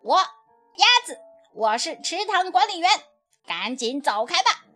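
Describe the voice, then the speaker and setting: A woman voicing a bossy, self-important duck who guards a pond and shouts orders in a picture-book reading. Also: very high voice, sing-song, measured pace, faint music behind, pitched above the performer's own voice, exaggerated voice. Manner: loud scolding commands.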